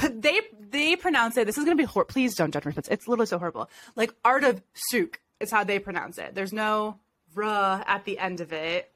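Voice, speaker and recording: A woman's voice: medium pitch, expressive, a little fast, fairly bright tone. Chatty self-deprecating young woman. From Ohio, USA. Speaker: podcast co-host and business owner. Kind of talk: casual chat.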